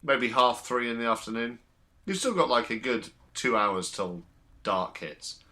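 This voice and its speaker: A man's voice: mid-range voice, unhurried, sharp tone. A man working as game master, narrating in a casual, colloquial, loosely improvised way.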